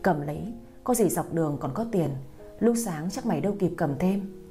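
A woman reading a brisk loyal young friend. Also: lowish voice, lively intonation, warm tone, soft background music, close to an everyday voice. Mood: urgent. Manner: urgent, brusque.

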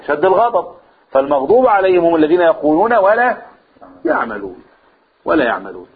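A man's voice: on the high side, big pitch swings, fast talker. A man with an Egyptian Arabic accent teaching a religious lesson to a group. He asks the room questions and answers them himself, and he draws out vowels to demonstrate recitation. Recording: husky, phone-like lo-fi recording.

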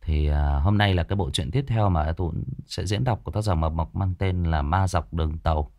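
A man's voice: low-pitched, moderate pace, mellow, dry recording, clean studio sound. A man hosting a story stream, chatting casually with viewers and using many fillers. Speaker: storyteller host. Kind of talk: casual livestream intro.

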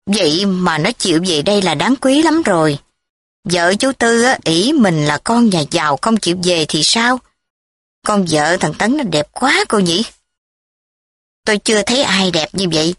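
A woman's voice: mid-range voice, lively intonation, unhurried, no echo. A woman reading the lines of a nosy, fretful elderly village aunt in a recorded story.

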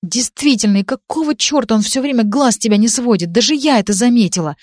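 A woman's voice: a little high, fast talker, a little mellow, dry recording, studio quality, voice pushed up, close to an everyday voice. A woman reading the lines of a nervous, fretting young woman friend in a storybook. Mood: anxious.

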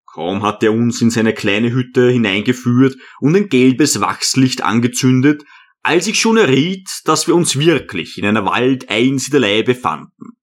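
Audiobook reader: a man telling a first-person tale slowly and earnestly. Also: mid-range voice, lively intonation. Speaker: audiobook narrator. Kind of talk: first-person storytelling reading.

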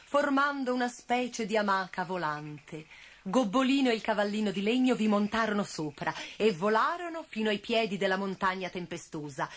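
A woman reading a children's fairy tale aloud as a storyteller, in an expressive, animated way. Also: medium pitch. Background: faint music.

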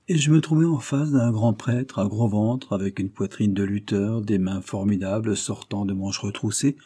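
Husky, mellow male audiobook narrator. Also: fairly low pitch. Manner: measured, expressive storytelling. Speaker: audiobook reader. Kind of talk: scripted narration of a classic tale.

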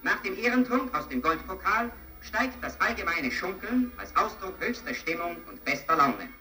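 A man's voice: sits high, sing-song, moderate pace, pushed and bright. A man announcing in an old newsreel, with a clipped, dashing commentary delivery. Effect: old newsreel soundtrack. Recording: distant old newsreel sound with faint music.

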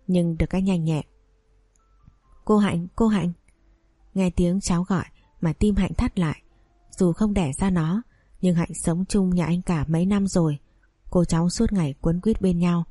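A woman reading a story aloud in a calm, even voice, narrating and doing every part herself. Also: lowish voice, no room sound.

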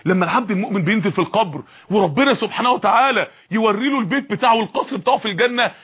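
High, fast Egyptian preacher. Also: male voice, lively intonation, fairly bright tone, husky. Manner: impassioned, rhetorical repeated questions. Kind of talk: sermon.

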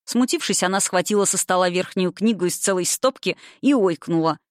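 A woman narrating a novel in an even, expressive audiobook reading. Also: lowish voice, fairly quick, no room sound, clean studio sound.

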